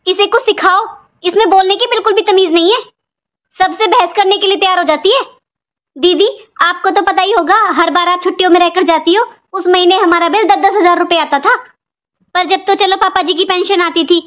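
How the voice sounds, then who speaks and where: A woman playing a sharp-tongued maternal aunt who scolds her niece in a family drama. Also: very high voice, steady tone, normal speed. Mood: scolding. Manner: scolding, taunting.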